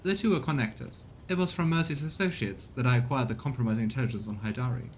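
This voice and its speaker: In a video game, a man voices a prim, formal retainer reporting to his lord, wordy, deferential and officious in manner. His mid-range voice moves at a quick pace, lightly acted, with a little hiss or hum on the recording.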